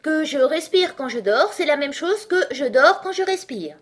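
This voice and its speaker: Sleepy storybook Dormouse, mumbling half asleep, voiced by a woman; high. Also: animated, normal speed. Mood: drowsy.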